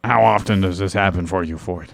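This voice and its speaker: A podcast co-host in casual group chat explains ideas at length, rambling and cracking dry jokes. His voice sits low and is brisk and gravelly, with no room sound.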